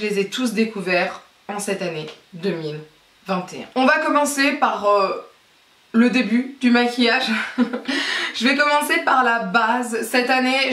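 A woman's voice: medium pitch, a bit bright, far from the mic. A woman in her thirties from France, chatting casually and rambling a little as a beauty vlogger talking to the camera. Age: 30s. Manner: chatty, rambling, self-mocking, with small laughs. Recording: roomy echo, a bit off the mic.

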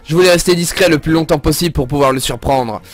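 A man voicing a righteous police inspector who makes stern, steady declarations while reading a game's story scenes aloud. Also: fairly high pitch, fast talker, close to an everyday voice.

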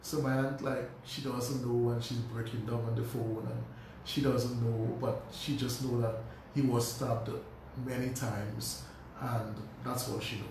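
A man's voice: mid-range voice, unhurried, distant mic. Man telling a story in an echoey room. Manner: animated storyteller, frequent restarts and repeated words. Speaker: guest, pharmacist. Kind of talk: personal storytelling in a radio interview. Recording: very echoey room, voice from off-mic, faint noise.

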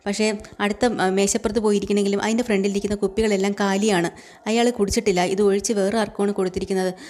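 Lady doing polite bar manager guy, hesitant, lots of pauses. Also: medium pitch, level tone, darkish tone, natural voice. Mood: earnest. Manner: halting, explaining at length.

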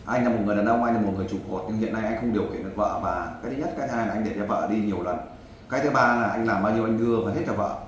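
A volunteer advisor helping a man find his wife speaks in a voice on the low side. He gives blunt, lecturing advice and often cuts in over the other man. The room is echoey, with faint background noise.

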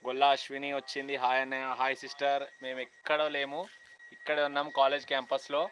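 A young man from Telangana with a Telangana Telugu accent, chatting loudly with viewers on a phone live stream outdoors on a college campus, half-shouting and greeting people by name. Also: medium pitch, monotone, fast talker, slight background noise, low-quality recording. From Telangana, India. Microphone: phone held at hand, no external mic.

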